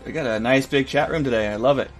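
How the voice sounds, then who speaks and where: A man's voice: mid-range voice, fast. Male podcast host chatting over music. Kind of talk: casual podcast banter.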